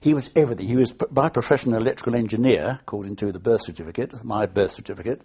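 An older Londoner reminisces at length in an unscripted oral history interview, rambling through anecdotes with frequent hesitations. His voice is fairly low, mellow, and breathy at the edges, and he talks very fast. The recording has its highs cut off.

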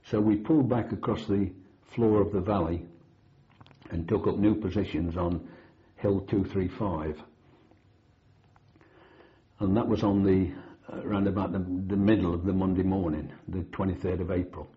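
Low-pitched and fairly even in intonation, this elderly British ex-soldier and former platoon sergeant remembers the war for an oral history interview. His manner is measured and matter-of-fact with dry understatement, captured on a dull, lo-fi recording.

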